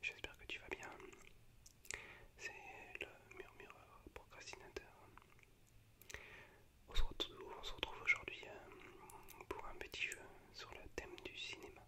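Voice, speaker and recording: Whispering without voicing, a man performs movie monologues for an ASMR audience. He takes his time and sounds slightly hesitant, his breath audible throughout.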